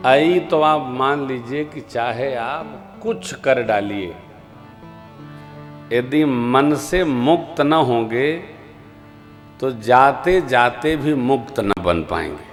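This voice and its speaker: A man giving a devotional sermon as a Ram Katha preacher, slow and emphatic, swinging between soft asides and loud rising exclamations, and drawing out chanted scripture verses. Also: medium pitch, lively intonation, faint music behind.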